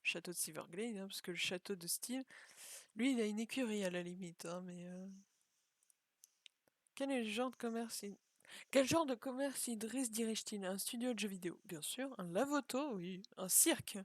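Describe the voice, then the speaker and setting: A woman's voice: mid-range voice, normal speed, no echo. A young woman chatting casually as she plays and comments on a video game, thinking aloud and joking at herself. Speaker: gaming video creator.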